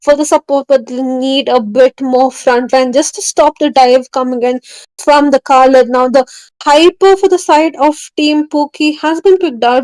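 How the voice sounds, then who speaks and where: Woman, esports commentary, chatty, high voice, dry sound. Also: a little mellow, no echo, poor audio. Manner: chatty, thinking aloud. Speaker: esports caster.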